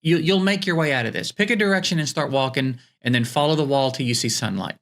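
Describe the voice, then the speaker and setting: A man's voice: fairly high pitch, fast, fairly bright tone. A man hosting a comedy show, reading fake tweets aloud in a bemused way with stammering restarts.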